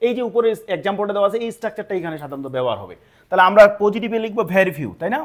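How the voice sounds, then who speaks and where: High-voiced male teacher quizzing the class. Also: very animated. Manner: asks questions and answers them himself; reads the board's English examples slowly. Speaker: English grammar teacher. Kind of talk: classroom grammar lesson.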